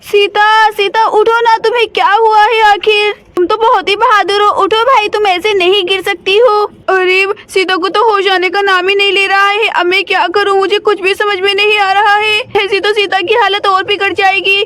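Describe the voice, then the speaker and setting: A woman's voice: very high voice, little pitch movement, moderate pace, hardly any pauses, bright, forceful tone, dry recording. A woman voicing a caring young mother doll who frets and keeps asking what she should do, in a doll play story. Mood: anxious.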